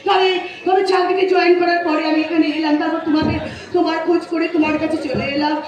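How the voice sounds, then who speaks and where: A woman's voice: very high voice, level tone, fast talker, a crowd in the background. A woman on stage playing a young police officer who loves an unemployed man, with a declamatory, projected manner. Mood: sorrowful. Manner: declamatory, stage-projected delivery with emotional outbursts. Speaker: stage actor. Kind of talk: live folk-theatre melodrama. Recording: echoey live stage from far off. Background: music and audience.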